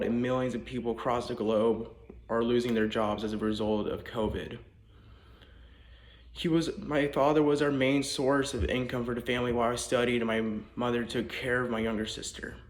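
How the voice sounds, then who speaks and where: A young student at an ordinary middle pitch reads a prepared speech in an earnest, apologetic way. He is recording in a house with the walls torn out. The bare rooms give his voice a strong echo. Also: fairly even intonation, a little fast. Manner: earnest, apologetic, reading from a script. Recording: echoey bare room.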